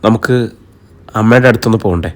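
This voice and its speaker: A man reading an audiobook, voicing a shy, tender young wife in a soft, quiet voice. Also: lowish voice, fast, voice pushed down, close to an everyday voice. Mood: hesitant.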